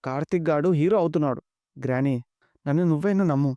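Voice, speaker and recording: A man voicing a cold, calculating young woman who plots against her family, read rapidly and dry. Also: fairly high pitch, mellow, no echo, lo-fi sound, natural voice. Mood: defiant. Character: scheming young woman villain, cold and ambitious.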